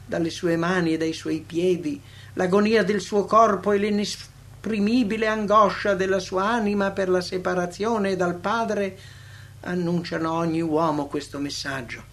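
A man reading a devotional text aloud as a narrator, solemn, with dramatic swells and hushed drops. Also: sits high, moderate pace.

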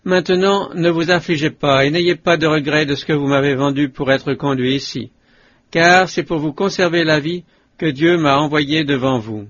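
A man reading the part of Joseph, a powerful ruler who is kind and deeply moved. He speaks slowly and tenderly in a scripted audiobook reading. The voice is a bit high for a man, on a dull, lo-fi recording. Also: fairly bright tone, slight background noise, close to an everyday voice.

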